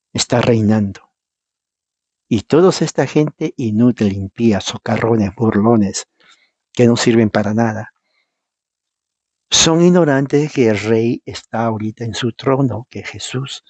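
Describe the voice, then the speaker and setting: A man with a husky, slightly rough voice delivers a verse-by-verse Bible teaching sermon. He reads scripture aloud and explains it with emphasis, often turning to the congregation with rhetorical questions. The sound is dry and close, at a middle pitch. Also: takes it slowly, long pauses, dry recording. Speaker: preacher.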